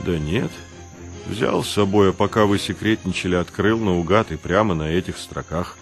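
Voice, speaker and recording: A man voicing a wry, self-assured writer who speaks in a relaxed way. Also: low-pitched, moderate pace, soft background music.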